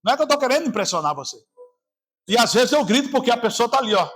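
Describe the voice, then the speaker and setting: A man with a Brazilian Portuguese accent, preaching a sermon as pastor, swinging between shouting and a quiet, lowered voice. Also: sing-song, rapid-fire. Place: church service.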